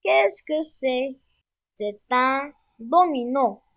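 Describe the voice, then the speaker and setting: Slow, high-voiced woman teaching phonics. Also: expressive. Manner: slow, clear, repetitive instructions to children. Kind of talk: slow primary-school phonics lesson.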